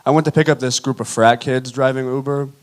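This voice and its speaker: A young man performing a self-deprecating stand-up set on a theater stage, telling stories in a deadpan way. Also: mid-range voice, brisk. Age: young adult. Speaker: stand-up comedian. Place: theater stage before a live audience. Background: audience laughter.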